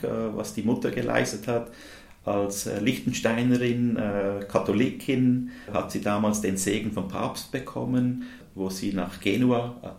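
Interviewed as a guest, a dental technician and charity volunteer who grew up in India with English as his first language hesitates often and uses many fillers. He has a lowish voice with vocal fry and a slightly mellow quality, and the room echoes noticeably.

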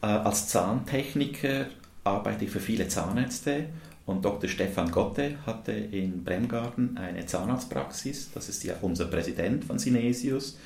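This guest grew up in India, speaks English as his first language, and works as a dental technician while volunteering for charity. Answering interview questions unhurriedly with frequent hesitations and fillers, his fairly low voice carries vocal fry and a slight mellowness amid roomy echo.

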